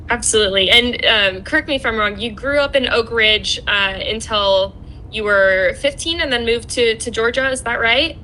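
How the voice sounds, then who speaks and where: Woman interviewer on a video call, bright and tense tone, higher voice, friendly questions. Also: normal speed, slight background noise, poor audio. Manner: friendly, asks short prompting questions. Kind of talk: casual virtual interview.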